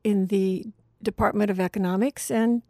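A woman's voice: medium pitch, fairly even intonation, normal speed, warm tone, dry recording. A woman in her sixties from Wyoming, a retiring university administrator chatting upbeat on a radio interview, with frequent fillers. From Wyoming, USA.

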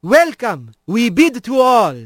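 A man's voice: very high-pitched, sing-song, slow, dry recording, clean studio sound, voice pushed up, heavily acted. A man voicing a formal male squirrel priest who speaks with inverted, stately word order. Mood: ceremonious.

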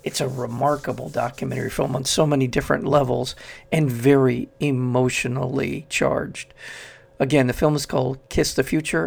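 Gravelly-voiced male radio host. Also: mid-range voice. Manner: measured, searching phrasing with restarts. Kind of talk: radio interview.

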